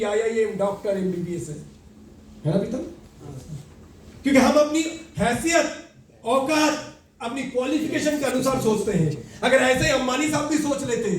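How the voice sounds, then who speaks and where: A man giving an animated motivational talk, telling a fable and acting out its characters. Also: very high-pitched, a little hiss or hum. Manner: animated storyteller, acts out characters. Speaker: motivational speaker. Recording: echoey room, mic at a distance.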